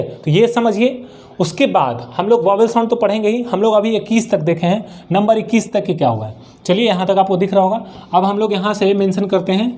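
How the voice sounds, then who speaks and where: A man's voice: sits high, a little mellow. A man teaching English pronunciation in a classroom style, asking questions and answering them himself. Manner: asks and answers his own questions, repeats words.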